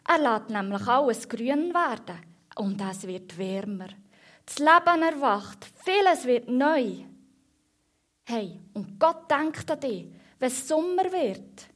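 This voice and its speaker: A woman reading a children's story aloud in a slow storytelling manner, then moving into a short devotion. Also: on the high side, animated.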